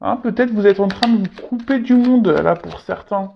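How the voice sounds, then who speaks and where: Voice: mid-range voice, normal speed, vocal fry, slight background noise. Hesitant tarot reader with a dull lo-fi sound. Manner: hesitant, repeats words, frequent fillers. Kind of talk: unscripted tarot reading addressed to viewers.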